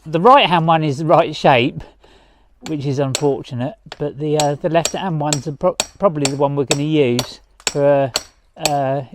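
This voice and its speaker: A man, out of breath, talks casually from scaffolding outside a house. His commentary has dry, self-deprecating humour, with a faint background noise around him. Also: a little high. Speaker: vlogger working on a house renovation. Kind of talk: casual chat and on-the-spot commentary. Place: outdoors up on scaffolding.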